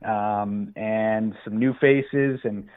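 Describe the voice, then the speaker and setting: Excited team spokesman on a dull line. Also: fairly low pitch, drawn-out words. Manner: enthusiastic, talks in bursts with fillers. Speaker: hockey team PR director and play-by-play announcer. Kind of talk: radio phone interview.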